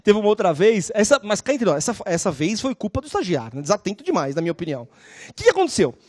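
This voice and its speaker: A woman lecturing on law, telling lively stories and constantly checking in with her class. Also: medium pitch, fast, no room sound, clean studio sound. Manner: animated, acts out scenes.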